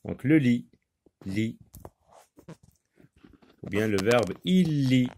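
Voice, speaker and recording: Slow, gravelly man teaching French syllables. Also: mid-range voice, animated, a little hiss or hum. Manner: slow, hesitant, many "euh" fillers, sounding out syllables loudly. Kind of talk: French reading lesson for children.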